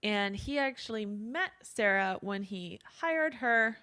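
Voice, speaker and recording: A woman's voice: medium pitch, lively intonation, slow pace, bright, forceful tone. Chatty woman hosting a true-crime podcast. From not from England. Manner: conversational, many fillers and quoted asides. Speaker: podcast co-host. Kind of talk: casual true-crime chat.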